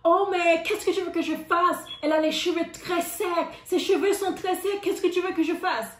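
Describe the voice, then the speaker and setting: A woman's voice: very high-pitched, steady tone, a little fast, roomy sound, voice pushed up. A woman voicing a female hairstylist who shrugs off blame in a defensive way. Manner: offhand, defensive.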